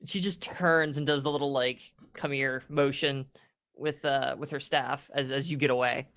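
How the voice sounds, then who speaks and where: A man's voice: medium pitch, fairly even intonation, normal speed, a bit bright. A man working as game master, narrating casually and improvising vivid descriptions.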